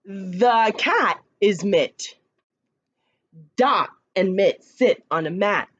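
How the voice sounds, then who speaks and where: A woman who teaches kindergarten, reading picture books aloud slowly and expressively, with chatty asides to the children. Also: husky, lo-fi sound. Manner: slow, expressive read-aloud with lively pitch, chatty asides.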